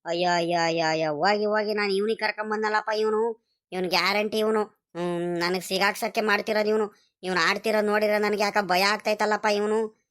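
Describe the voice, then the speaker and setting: A woman's voice: medium pitch, fairly even intonation, fairly quick, fairly bright tone, close to an everyday voice. A woman voicing a fretful village man. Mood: worried. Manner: scolding, worried grumbling. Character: fretful village man, the rich man's brother-in-law. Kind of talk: animated cartoon voice acting.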